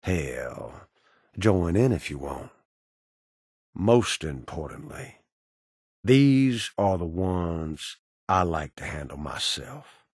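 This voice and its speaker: An actor playing a cynical, menacing ghoul bounty broker in a video game, with an American Southern accent and a sardonic drawl full of cowboy slang. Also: male voice, low voice, sing-song, slow pace, pauses often, darkish tone, breathy edge, dry recording, clean studio sound, full character voice. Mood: matter-of-fact. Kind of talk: video game character dialogue.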